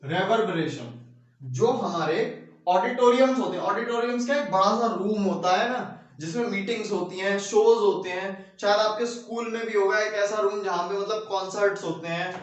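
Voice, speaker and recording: A male teacher giving a classroom lecture with a Hindi accent, repeating phrases and checking in with his class, slowing down to dictate notes. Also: high-pitched. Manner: repeats phrases, keeps asking "ठीक है"; slows down while dictating notes. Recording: very echoey room, mic far off.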